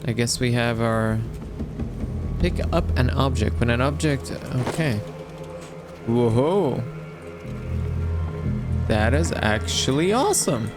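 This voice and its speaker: A man's voice: mid-range voice, animated, slow pace, long pauses. Casual male gamer narrating gameplay. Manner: chatty, reacts aloud, reads on-screen text. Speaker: gameplay streamer. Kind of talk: casual let's-play commentary. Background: game music.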